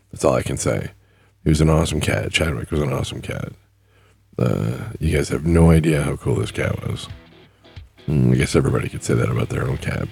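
A man's voice: extremely low pitch, creaky, a little mellow, husky, no echo. A man hosting a casual solo podcast, rambling and plainspoken, choking up with grief. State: grieving, choking up. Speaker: podcast host.

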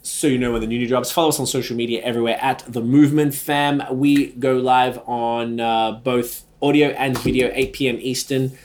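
A man hosts a casual podcast. His voice sits at an average pitch, and he chats in roadman-style street slang, swearing freely as he goes. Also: fairly even intonation, moderate pace, few pauses, darkish tone. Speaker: podcast host.

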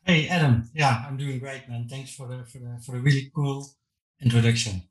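A man's voice: medium pitch, steady tone, moderate pace. A man talking conversationally as an interview guest on a podcast, recorded in an echoey room. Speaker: podcast guest, software entrepreneur.

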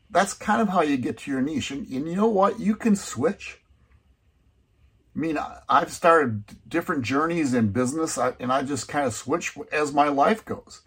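A man's voice: medium pitch, breathy edge. A man who coaches other coaches, explaining his methods in a casual, conversational talk with frequent restarts. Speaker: business coach.

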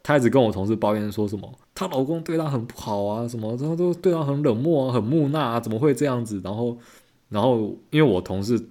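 A man's voice: mid-range voice, fast talker. A man, co-hosting a podcast and telling stories in casual chat, acting out the dialogue. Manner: animated storyteller who acts out dialogue. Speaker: podcast co-host.

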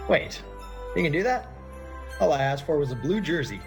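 A man's voice: fairly high pitch, big pitch swings, normal speed, music in the background. A man playing a nervous, eager young hockey player hosting a party in a scripted comedy sketch. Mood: nervous eagerness.

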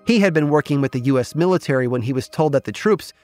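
Guy host reading a scripted story, deliberate pauses, bit of music behind him. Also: fairly high pitch, expressive, a little mellow, no room sound. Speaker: podcast host and narrator.

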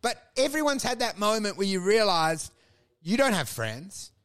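A man's voice: high-pitched, sing-song, moderate pace, a bit bright. A man, co-hosting a podcast in a rambling, self-mocking way with a lot of swearing. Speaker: podcast co-host. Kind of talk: casual comedic chat.

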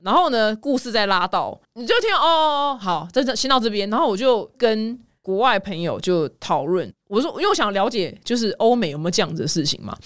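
A young woman with a Taiwanese Mandarin accent rattles along at high speed, her pitch swooping up and down as she teases and rants. The sound is close and dry, with no room around her voice. She talks like a podcast host sharing opinions with friends. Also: a little fast, hardly any pauses, no echo. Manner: animated, teasing, ranting asides. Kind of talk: casual opinionated commentary.

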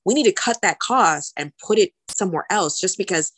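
A woman's voice: medium pitch, expressive, brisk, husky, no room sound. A woman speaking casually as an interview guest, explaining things conversationally and repeating words for emphasis. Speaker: podcast guest, healthcare lawyer.

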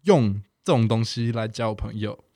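A man's voice: on the low side, normal speed, dark tone, no echo, clean studio sound. A man, a native English speaker, chatting casually in fluent foreign-accented Mandarin with some English words mixed in. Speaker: podcast guest. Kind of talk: casual chat.

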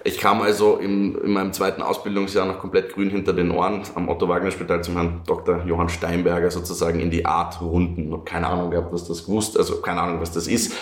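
A man's voice: deep voice, quick pace, hardly any pauses. A man, a psychiatric nurse, telling stories animatedly in a casual podcast chat. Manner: animated storytelling, many restarts. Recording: roomy echo.

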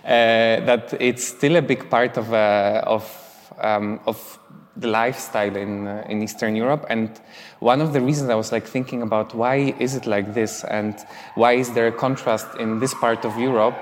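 A man's voice: on the low side, fairly even intonation, moderate pace, long reverb tail, a little hiss or hum. A young man from Poland, talking casually as a guest in a live stage interview, with many fillers. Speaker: interviewee, writer.

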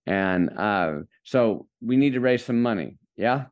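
A man's voice: mid-range voice, animated, a little slow, dull audio. Enthusiastic preacher-like male host. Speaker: podcast host. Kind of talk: casual faith-based interview.

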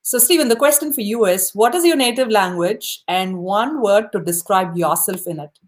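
An expressive woman's voice at medium pitch and normal speed: she's hosting a live podcast, chatting with her guest in a relaxed interview. She stays upbeat and encouraging, saying "you know" again and again.

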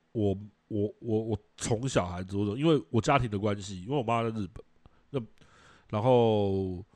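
A middle-aged man with a Taiwanese Mandarin accent rattles off stories at a quick clip, voice sitting in an ordinary middle register. He talks bluntly and swears freely, hosting a casual chat. The sound is close and dry, with no room around it. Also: mid-range voice, dry recording. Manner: blunt, profane, animated storytelling. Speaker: podcast host.

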